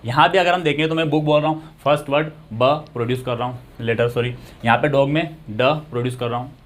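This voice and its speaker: A man's voice: mid-range voice, fast. A man teaching English grammar, patiently explaining and asking and answering his own questions. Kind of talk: explanatory lesson.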